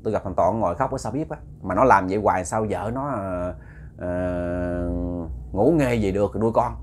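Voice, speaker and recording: A man's voice: sits low, moderate pace, slight background noise, voice pushed down, natural voice. Man playing a chatty gossipy village auntie, southern vietnamese accent, kinda indignant. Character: gossiping middle-aged village woman.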